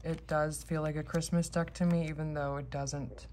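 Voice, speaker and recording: A woman with a low voice talks in a loose, casual vlog style. She rambles sleepily, drifting from thought to thought and letting sentences trail away. A faint layer of background noise sits behind her speech. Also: level tone, moderate pace, darkish tone. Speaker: host of a tarot deck haul vlog.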